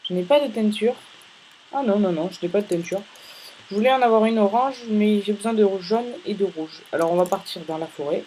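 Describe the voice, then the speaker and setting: A man's voice: high-pitched, fairly quick, mellow, a little hiss or hum, low-quality recording. A male gaming host giving casual, rambling let's-play commentary, chatting playfully with viewers between tasks.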